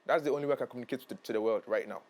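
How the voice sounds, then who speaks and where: A man's voice: mid-range voice, very fast, a little mellow. A young man from Ghana, a musician guest, speaking earnestly and hesitantly, often repeating himself. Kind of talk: casual interview chat.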